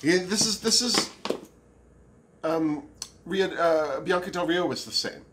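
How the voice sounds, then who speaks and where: A man in a casual review chat, talking in a campy drag queen manner with drawn-out emphasis. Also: on the high side, expressive, background noise. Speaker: drag show review co-host.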